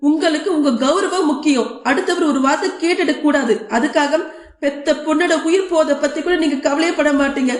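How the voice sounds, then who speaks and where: A woman's voice: sits high, echoey room, natural voice. A woman voicing a hurt married daughter who asks her father pleading, reproachful questions in an audio novel.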